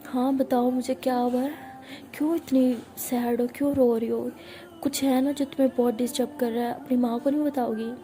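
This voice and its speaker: A woman's voice: high voice, fairly even intonation, normal speed, dark tone, lightly acted. Woman voicing a loving but strict middle-aged mother. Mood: tender. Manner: coaxing, then scolding.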